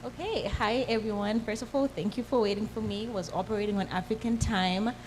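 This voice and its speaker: A young woman from Zimbabwe speaks fluently and confidently on a panel, at a mid pitch. Clear background noise sits under her voice. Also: fairly even intonation, brisk. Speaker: panelist, policy worker. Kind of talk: panel discussion. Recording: noisy event recording.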